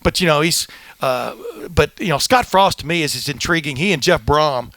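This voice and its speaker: A man's voice: on the high side, lively intonation, moderate pace, sharp tone, no echo. Rambling older male podcast storyteller. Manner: rambling anecdotes with many fillers, acts out quoted voices. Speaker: podcast host, veteran sportswriter. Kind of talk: casual storytelling chat.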